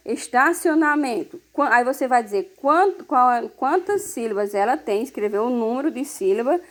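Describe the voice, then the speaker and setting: Woman, primary school teacher, patient explanations, fairly high voice, recorded lesson. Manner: patient, explanatory, frequent tag questions. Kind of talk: recorded remote class lesson.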